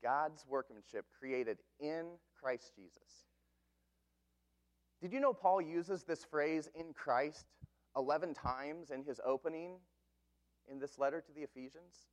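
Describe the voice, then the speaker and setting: High-voiced man preaching a sermon. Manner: earnest, emphatic preaching with slow stressed phrases. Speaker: pastor.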